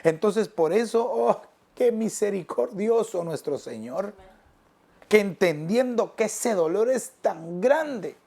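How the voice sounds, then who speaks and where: A male pastor preaching a sermon in an earnest, pastoral way, stretching phrases out slowly and dropping soft and low. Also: expressive, vocal fry. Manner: earnest, pastoral, addressing listeners as brother.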